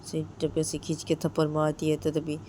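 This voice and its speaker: A woman's voice: low-pitched, completely flat delivery, moderate pace, warm tone, a little hiss or hum. A woman narrating a romantic story in plain, run-on sentences strung together with linking words.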